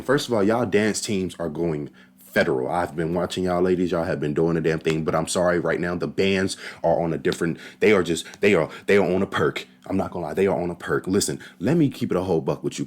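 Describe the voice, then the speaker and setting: A man giving casual, animated reaction commentary on a marching band battle, talking slangy and straight to his viewers. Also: low voice, quick pace.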